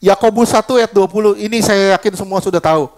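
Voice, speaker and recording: High-voiced, animated male preacher. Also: quick pace. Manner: animated, fires rhetorical questions at the congregation; switches between preaching and storytelling. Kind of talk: informal deliverance sermon.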